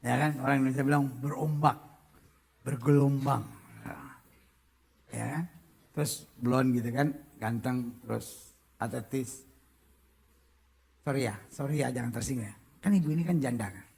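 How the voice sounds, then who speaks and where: A preacher giving a comic sermon, joking, shifting between loud outbursts and hushed asides. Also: medium pitch, moderate pace, gravelly, long pauses, breathy edge.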